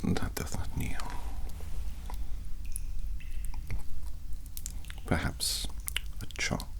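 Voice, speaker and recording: A man in his thirties with an English accent playing a haughty, menacing, dying medieval king in whispered role-play, with archaic, deliberate, halting phrasing. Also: fairly bright tone, close to an everyday voice.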